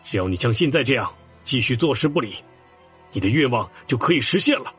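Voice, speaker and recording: An actor playing a stern, angry middle-aged councillor in an audio drama. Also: male voice, medium pitch, animated, fairly quick, fairly bright tone, breathy edge, soft background music.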